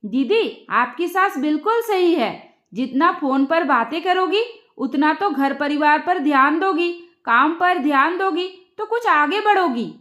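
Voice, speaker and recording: A crafty young daughter-in-law, put on by a woman narrator in a storybook telling. She talks in a sugary, falsely innocent way and keeps a quiet sting in her words. Her voice sits very high, and the room around it echoes. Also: lively intonation, measured pace. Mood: teasing. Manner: feigned innocence, sweetly pointed. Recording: roomy echo.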